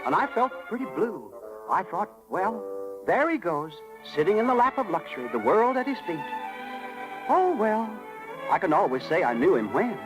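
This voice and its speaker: An actor playing a small, folksy cricket conscience in a 1930s radio play, with an American accent and a wry, expressive manner. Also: male voice, sits high, moderate pace, rough recording. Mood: wistful, resigned. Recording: vintage 1930s radio, music behind.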